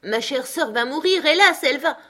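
A woman's voice: high voice, expressive, normal speed, bright, forceful tone, voice pushed up. A woman voicing a drunken middle-aged man who wails and nearly sobs for his sister. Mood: wailing. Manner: wailing, near sobbing.

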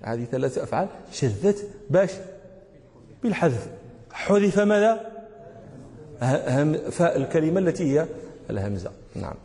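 A man with a Moroccan accent leads a classroom grammar lesson, firing questions at his students and chuckling often. His voice sits fairly high yet sounds mellow and dark. A long reverb trails through the hall. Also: sing-song, normal speed, pauses often. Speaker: teacher.

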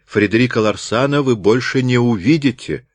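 A man's voice: medium pitch, normal speed, no echo, pitched above the performer's own voice, close to an everyday voice. A man voicing a bold, cocky young male reporter who draws out his words and then rings out his declarations. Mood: triumphant.

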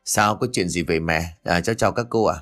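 A young merchant husband who speaks plainly and firmly, as a man voices him. The voice is low, with faint music under the storybook reading. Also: quick pace, a bit bright.

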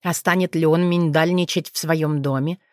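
Brief: female audiobook narrator, lowish voice, dry close recording, expressive first-person reading. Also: normal speed, dry recording. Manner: expressive, lifts her voice for the heroine's lines.

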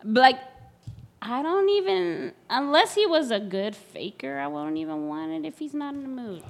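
A woman co-hosting a casual group chat, explaining things with animated restarts. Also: high voice, moderate pace, creaky.

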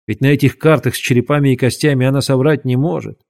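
Man doing an urgent, hushed boy. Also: mid-range voice, fairly even intonation, quick pace, gravelly, close to an everyday voice. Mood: explaining. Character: earnest brave imaginative boy, Douglas.

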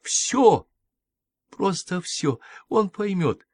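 A man voicing a frightened, insistent young woman in a hospital bed, pleading in a high, agitated voice. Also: sing-song, drawn-out words, a little mellow, breathy edge, dry recording, studio quality, full character voice. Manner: pleading, agitated, rising pitch.

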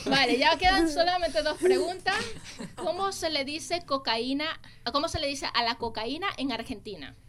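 High voiced lady quizzing a guest on a podcast, some noise on the mic. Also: normal speed. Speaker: host. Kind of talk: casual podcast quiz hosting.

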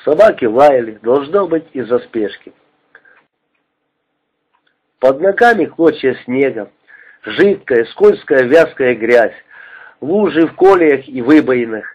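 A man narrating a memoir audiobook in a steady, grave reading. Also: medium pitch, slow pace, pauses often, breathy edge. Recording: dull lo-fi recording.

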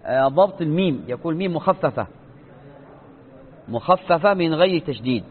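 A man teaching a religious lesson, explaining slowly, repeating and stretching key words and asking rhetorical questions. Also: fairly high pitch, animated. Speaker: sheikh teaching Islamic creed. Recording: tinny phone-like lecture recording.

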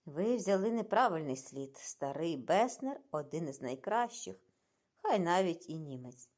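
A woman reading the lines of a shrewd middle-aged male detective who questions calmly and pointedly. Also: lowish voice, a little slow. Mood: probing.

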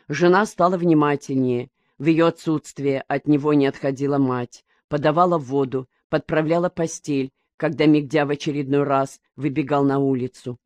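A woman narrating a novel as an audiobook reader in an even, measured way. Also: sits low, dry recording. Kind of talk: scripted narration.

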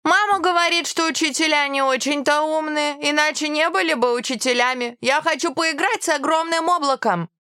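A woman reading a story voices a bored, whiny little boy in a high squeal. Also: fairly quick, few pauses, sharp tone, no echo, clean studio sound.

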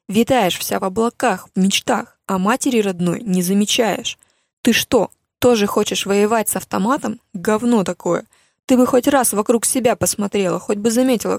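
A shrill, furious middle-aged mother, as a woman reads her in an audiobook, hurling insults and scolding at full volume. The voice sits a touch higher than the reader's own, with a gravelly edge, in a dry, close recording. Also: dry recording. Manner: loud, berating, rapid-fire insults. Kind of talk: audiobook character voice.

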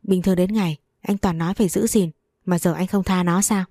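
A woman's voice: on the low side, fairly even intonation, fairly quick, mellow, no echo, clean studio sound. A woman voicing a furious, betrayed wife who curses and scolds harshly.

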